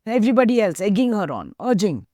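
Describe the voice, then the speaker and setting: An activist guest with an Indian English accent earnestly retells a story in an interview, voicing the dialogue herself. Her mid-range voice is mellow and sing-song, and she talks quickly in a clean studio recording with no room sound.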